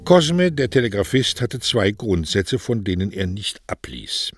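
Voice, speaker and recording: A man reading a novel aloud in lively, expressive storytelling narration. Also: fairly low pitch, unhurried, soft background music. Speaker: reader. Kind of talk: audiobook narration.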